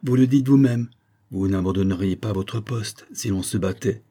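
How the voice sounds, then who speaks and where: Man reading older uncle, earnest, insistent, pleading, low dark voice, audiobook. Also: moderate pace, natural voice.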